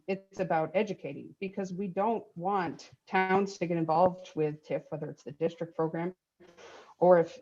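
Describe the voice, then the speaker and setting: A woman giving formal testimony to a committee over a crackly remote phone line that fades in and out, speaking in a measured, explanatory way with frequent ums. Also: fairly low pitch, darkish tone. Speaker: state agency official testifying to a committee. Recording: dull lo-fi call audio, breaking up.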